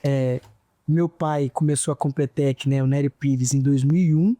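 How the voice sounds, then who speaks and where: Appearing as a podcast guest, a young engineer from Santos Dumont, Minas Gerais, Brazil, earnestly tells his story in answer to interview questions. He has a near-carioca accent and a warm, steady, medium-pitched voice at a moderate pace, with no echo.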